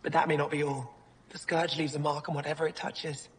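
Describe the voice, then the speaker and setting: A woman's voice: low-pitched, little pitch movement, fairly quick, natural voice. Woman playing thoughtful alien curator with long reverb. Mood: explanatory. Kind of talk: video game dialogue. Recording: reverberant game audio.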